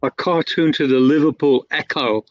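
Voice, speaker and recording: At normal speed, a man with a slightly high, steady voice tells a long story as a guest, wandering casually and correcting himself amid plenty of fillers and restarts. The audio is dull, dry and lo-fi.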